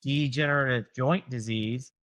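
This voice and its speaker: With fairly even intonation, a mid-range voice and normal speed, a forties-aged Southern US chiropractor explains things casually as a podcast guest. His slightly bright delivery is full of fillers and acted-out quotes from patients.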